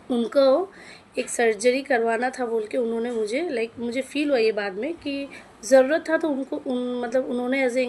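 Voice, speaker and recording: A woman's voice: on the high side, darkish tone, slight background noise. A woman in her thirties, an English teacher, telling a personal story in a chatty way and slipping English words into her speech. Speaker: English teacher running her own coaching classes.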